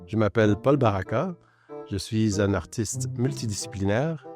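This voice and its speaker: Low-voiced middle-aged man. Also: normal speed. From born in Lebanon, raised in Quebec. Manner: personal, searching, with hesitations. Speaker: multidisciplinary artist and musician. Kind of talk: interview testimony. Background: faint music.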